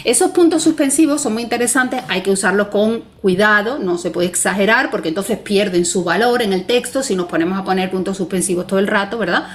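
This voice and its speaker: A woman's voice: mid-range voice, fairly quick, few pauses. A woman guest explaining punctuation in a conversation, patient and methodical, often checking in with tag questions. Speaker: Spanish language expert guest.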